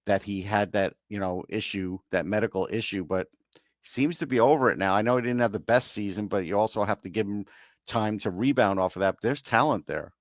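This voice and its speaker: A man's voice: on the low side, a little fast, no echo, clean studio sound. A man with a New York accent co-hosting a sports podcast, giving opinions in a casual, matter-of-fact way. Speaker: podcast co-host.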